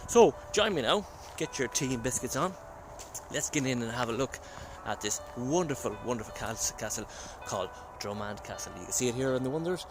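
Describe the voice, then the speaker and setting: A man's voice: medium pitch, fairly quick, noisy background. An Irish man casually narrating a paranormal investigation and calling out questions, often repeating his phrases. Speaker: paranormal investigator and channel host. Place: at a castle and woods. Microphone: phone.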